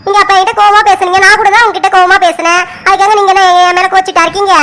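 A woman's voice: very high-pitched, level tone, pushed and bright. A woman voicing a young unmarried village daughter in a cartoon serial, who answers her father defensively and stands up for the man she loves. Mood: dismissive. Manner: pleading, defensive, quick replies.

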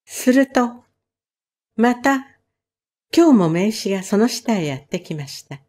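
A woman reading a children's story aloud in a calm, measured way. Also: fairly high pitch. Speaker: reader. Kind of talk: storybook narration.

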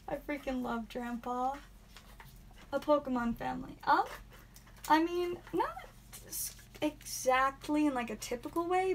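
A young woman with a high voice talks casually to her live stream audience from a small room at home. She is chatty and upbeat, reading out each card as she pulls it, with sudden excited bursts. A faint hiss sits behind her voice. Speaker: live stream host opening card packs.

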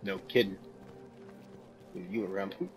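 A man giving casual, goofy commentary over his gameplay, easily distracted and quick to laugh. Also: deep voice, fairly even intonation, faint music behind, rough recording. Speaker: gameplay video host.

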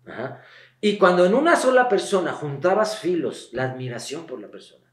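A man's voice: on the high side, big pitch swings, moderate pace. A man, explaining things as a guest expert in an interview, emphatic and blunt, like a teacher. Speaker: guest expert on the Bible and sexuality. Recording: echoey room.

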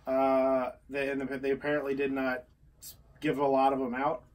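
A man co-hosting a casual podcast chat, chatty and quick to argue a point. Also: medium pitch, monotone, darkish tone, far from the mic. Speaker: co-host.

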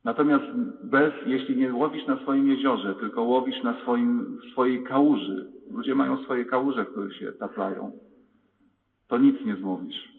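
Preaching priest in an echoing church. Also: male voice, mid-range voice, moderate pace, recorded from a distance. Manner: lively preaching, acting out quoted voices. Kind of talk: sermon. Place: large church. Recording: tinny lo-fi church recording with long reverb. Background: long church reverb.

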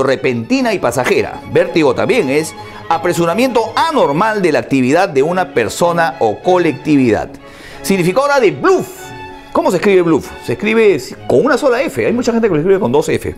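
Un hombre con acento peruano que presenta un espacio de radio y televisión. Lee definiciones de diccionario, se hace preguntas y las responde, y deletrea las palabras. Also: male voice, on the high side. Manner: asks himself questions, then answers them; spells words out and notes their accent marks. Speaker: radio and TV host explaining word meanings. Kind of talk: reading dictionary definitions on air.

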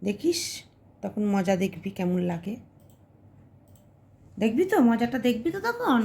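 A woman's voice: fairly high pitch, very animated, a little slow, darkish tone, slightly rough. A woman at home talking to her pet dog, coaxing and scolding it in a sing-song way, recorded on a phone. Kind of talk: casual talk to a pet dog. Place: home indoors.

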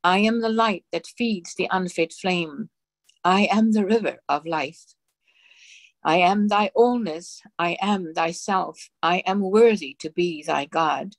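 A woman minister reads a sermon aloud in a slow, solemn, measured voice. Her pitch sits somewhat low, and the recording is dry and close with no room sound. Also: no echo. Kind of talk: sermon reading of spiritual dictations.

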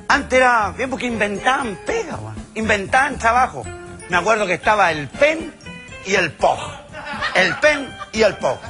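A man in his fifties with a Chilean accent doing a crude, loud stand-up routine, slipping into quick character voices. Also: high voice. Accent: Chilean Spanish. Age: 50s. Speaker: stand-up comedian.

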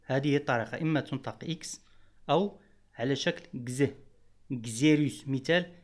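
A man's voice: mid-range voice, moderate pace. A man teaching French letter sounds in Arabic, patiently repeating each example word. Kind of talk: explaining pronunciation rules.

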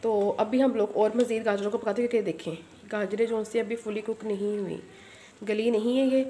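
A home cooking channel host speaks a little fast in a mid-range voice with fairly even intonation, with a little hiss or hum on the recording. Chatting directly to viewers and often adding a pious phrase, she demonstrates a recipe step by step at her kitchen stove, where the echoey room is filled with loud sizzling and clanking pans.

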